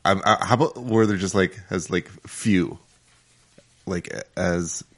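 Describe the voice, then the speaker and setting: A man's voice: deep voice, a little slow. A man co-hosting a casual chat, playful, trailing off and laughing often. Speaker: co-host.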